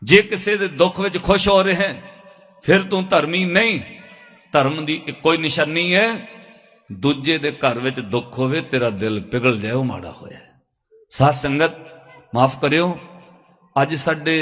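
A man with a slightly high, somewhat bright voice preaches a storytelling sermon at a moderate pace to a congregation in a large hall. Earnest and pleading, he sometimes breaks into sung verses, and the hall's long reverb trails his words.

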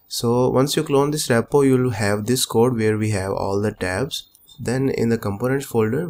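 A man's voice: lowish voice, a little mellow. A young man hosting a coding tutorial, explaining each step steadily over a screen recording.

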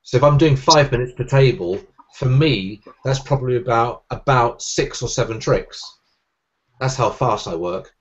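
A magician in his forties from England, with a Southern English Sussex accent, is a guest in a casual video-call interview from a room at home. He talks fast and energetically with crisp, clear diction and gestures as he speaks. His voice is mid-range and comes through a webcam, with the highs cut off.

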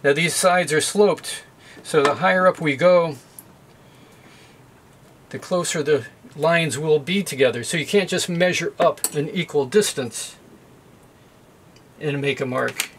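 In a hands-on sailing video, a middle-aged host explains steps at a boat's galley sink in a plain, methodical way, adding fillers now and then. His voice is fairly high and a bit bright, his pace a little slow with long pauses, and a little hiss or hum is audible.

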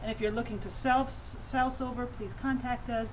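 Middle-aged lady showing off silver in her antiques shop, kinda high voice, chatty with lots of ums, camera close by. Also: fairly even intonation, moderate pace, background noise. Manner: enthusiastic, conversational with fillers and restarts. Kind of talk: guided shop tour. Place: indoor antiques shop among display cases.

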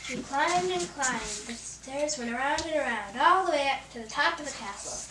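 Young girl reading a fairy tale aloud, high voice, stumbles and restarts. Recorded far off in an echoey room with loud kitchen clatter. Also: animated, normal speed, heavy background noise. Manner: reads with small slips and restarts. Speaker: storyteller.

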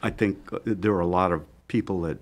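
An older man, a chef guest in a TV studio, talking at a desk mic with lots of fillers and restarts. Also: deep voice. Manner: halting, many fillers and restarts. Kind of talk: casual studio interview. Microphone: desk microphone on stand.

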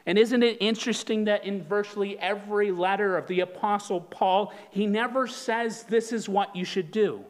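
A man in his thirties preaching a sermon from a church pulpit, earnest and measured, asking the congregation rhetorical questions. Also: high voice, fairly even intonation. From Canada. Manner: gestures broadly while leaning on the pulpit. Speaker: pastor. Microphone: pulpit microphone.

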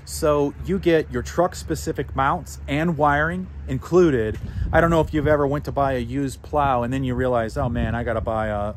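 Man, 30s, equipment dealer, casual sales pitch to a phone camera at arm's length, plainspoken and chatty with fillers, outdoors with faint traffic behind. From Missouri, USA. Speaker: equipment dealer presenting a product. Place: outdoors in a sunny equipment lot by a road. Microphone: phone camera held at arm's length.

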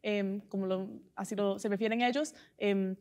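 A woman interviewing a guest on a television show, soft and measured with small hesitations. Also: medium pitch, steady tone. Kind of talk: interview question.

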